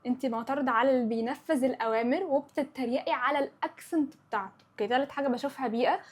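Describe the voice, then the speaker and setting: A young Egyptian woman hosts her own chat show with an Egyptian Arabic accent, rattling through her opinions very quickly. Her voice sits high and has a slightly husky edge, and she drops English words in as she talks. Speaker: podcast host. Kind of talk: casual chat.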